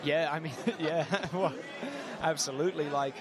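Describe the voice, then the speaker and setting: A man's voice: fairly high pitch, fairly even intonation, moderate pace. A man giving conversational analysis as co-commentator at a live fight. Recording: loud crowd and venue noise.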